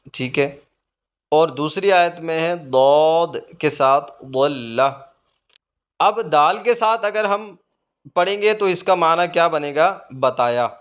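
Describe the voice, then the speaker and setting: A man teaches Quran reading to beginners, explaining the lesson by patiently posing questions and then answering them himself. His voice is on the high side, and the recording is muffled.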